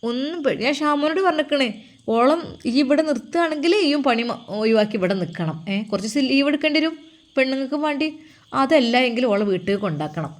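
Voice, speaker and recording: A woman voicing an elderly, caring mother with a Malappuram accent who talks in a soft, coaxing way. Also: high-pitched, lively intonation, a little fast, voice pushed up. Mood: tender, reassuring. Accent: Malappuram Malayalam.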